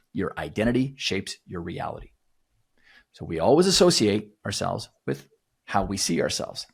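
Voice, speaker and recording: A man's voice: on the low side, breathy edge. A man who coaches athletes on mindset, explaining his ideas emphatically as a guest in a podcast interview.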